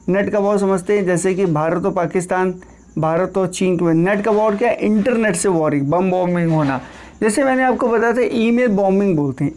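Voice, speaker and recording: A man's voice: high-pitched, a little mellow. A man teaching an exam-prep class with a north Indian accent. He explains in a conversational way, repeats points and keeps checking in with the class. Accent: Hindi-speaking north Indian. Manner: conversational, repeats points, frequent "theek hai" check-ins. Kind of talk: lecture on law for exam preparation.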